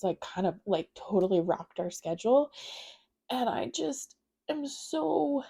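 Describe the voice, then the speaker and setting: A woman's voice: medium pitch, warm tone. A young woman vlogger talking casually to camera while budgeting, chatty and rambling with lots of fillers, her voice thick with emotion. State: emotional, close to tears.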